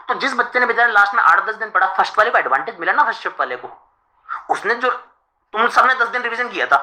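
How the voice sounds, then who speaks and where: Animated chatty male exam tutor. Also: high-pitched, rough recording. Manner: chatty, addresses listeners as friends, rhetorical questions. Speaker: exam coaching teacher. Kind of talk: casual live-stream talk to exam students.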